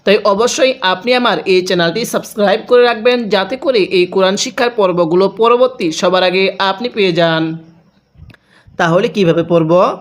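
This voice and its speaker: A man with a Bangladeshi Bengali accent teaching a Quran reading lesson, patiently explaining each rule and then slowly reciting the words with drawn-out sounds. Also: high voice.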